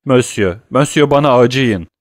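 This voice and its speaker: A man's voice: medium pitch, normal speed, no room sound, clean studio sound, natural voice. A man voicing a grief-stricken young lover who declaims accusations with raised, urgent intensity, in an audiobook. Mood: pleading.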